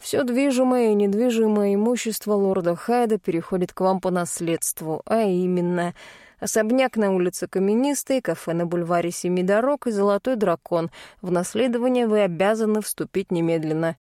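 A woman voicing a firm, formal male lawyer in an audiobook, measured and categorical. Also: mid-range voice, mellow, no echo, clean studio sound, lightly acted. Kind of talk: audiobook voice acting.

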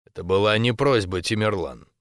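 A man voicing a stern man of authority in an audiobook, speaking slowly, quietly and firmly. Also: on the low side, dry recording, clean studio sound, lightly acted.

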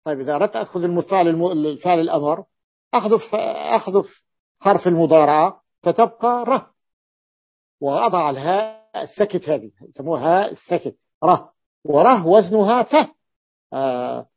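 A man's voice: sits high, lively intonation, moderate pace, creaky, dull audio. A man teaching Arabic morphology, explaining a classical text, repeating key forms and calling on a student to read on. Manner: repeats key forms and invites the reader to continue.

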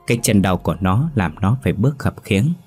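A man narrating a horror story in a steady, grave tone. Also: low-pitched, fairly quick, husky, faint music behind.

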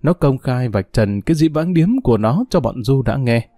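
Male audiobook narrator, warm, expressive, dry close read. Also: medium pitch, normal speed, dry recording.

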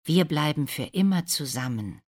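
A woman's voice: sits low, expressive, moderate pace, a little mellow. A woman voicing an earnest fairy-tale prince. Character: young prince, earnest then exasperated.

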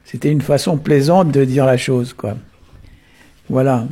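A man, unhurried and full of tag words, explaining the origins of words. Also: medium pitch, dark tone. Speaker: Breton language explainer. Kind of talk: explanatory talk on word origins.

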